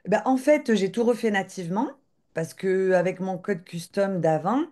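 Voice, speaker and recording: A woman giving a live software demo on a video call, talking hesitantly with lots of filler sounds and restarts. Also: medium pitch, moderate pace.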